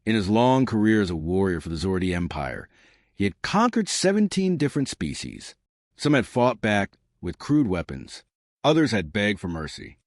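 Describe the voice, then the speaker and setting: A man narrating a sci-fi story in a steady, dramatic storytelling manner. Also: fairly low pitch, no room sound, studio quality.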